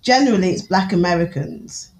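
A woman's voice: fairly low pitch, brisk, a little mellow, poor audio. A woman with a Newark accent from the English East Midlands, talking frankly and casually as a podcast guest, swearing freely and laughing often. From England. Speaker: podcast guest, author and Obeah practitioner. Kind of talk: casual conversational interview.

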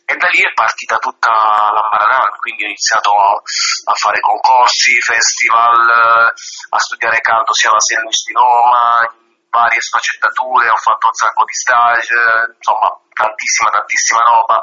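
A male singer called in by phone, talking with a sharp, very bright tone that is a bit husky. He rambles and repeats words, and the line sounds dull and muffled over the radio. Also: mid-range voice, level tone, normal speed. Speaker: singer guest.

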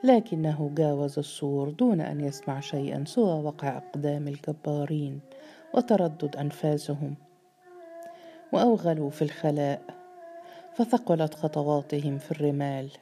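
A woman reading a novel aloud as narrator in a measured, dramatic style. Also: sits low, warm tone. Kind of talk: scripted audiobook narration.

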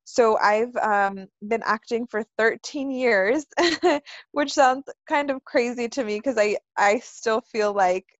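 A woman's voice: a little high, takes it slowly, dry recording. A woman in her twenties from California, answering interview questions about her work as an actress in a chatty, earnest way. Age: 20s. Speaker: guest actress. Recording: dull, dry lo-fi sound.

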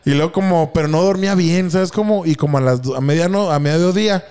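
On a podcast he co-hosts, a young Mexican-accented man tells a story casually and with plenty of slang, laughing as he acts out what others said. He speaks fast in a slightly high, darkish, clean-toned voice.

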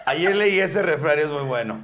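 A man's voice: a little high, expressive, normal speed, very noisy. A man with a Mexican accent co-hosting a podcast, joking crudely and laughing often. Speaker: podcast co-host. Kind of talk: casual crude banter.

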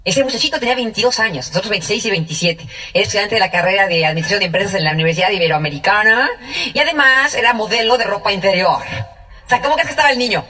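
A middle-aged woman with a Mexican accent, telling a lively testimony to an audience and acting out the people she quotes. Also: medium pitch, rapid-fire. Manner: animated, acts out quoted voices. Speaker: guest sharing a testimony. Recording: voice picked up from a distance.

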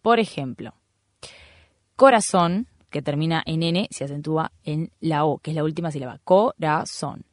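A woman hosting a radio segment and patiently explaining grammar, slowing down to repeat her examples. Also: deep voice, no room sound, studio quality. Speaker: radio host.

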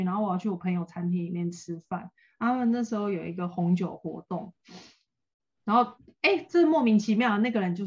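A Taiwanese-accented woman co-hosts a casual podcast, spinning a long story and acting out what each person said. Her mid-pitched voice comes through slightly dull, lo-fi audio. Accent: Taiwanese Mandarin. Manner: long animated anecdotes, acts out quoted lines. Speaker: podcast co-host.

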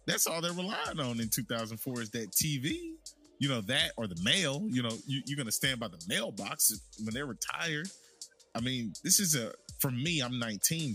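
Low-voiced man telling a rambling story. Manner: rambling, repeats and restarts, animated storytelling. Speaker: storyteller recounting work life. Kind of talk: casual personal storytelling.

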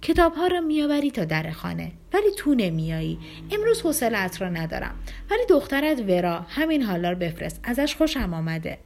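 A woman voicing an imperious, blunt older noblewoman in an audiobook, speaking in a sharp, commanding way. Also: medium pitch, sing-song, slight background noise.

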